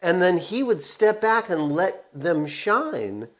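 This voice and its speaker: A middle-aged male co-host talks casually and reminisces. His delivery is slow, with very lively swings in pitch.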